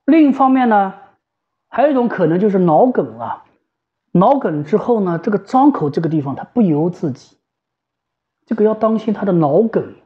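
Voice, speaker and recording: A woman giving an informal, conversational explanation as a specialist, repeating phrases for emphasis. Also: a little high. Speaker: home ventilator specialist and shop staff. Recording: slightly dull, lo-fi sound.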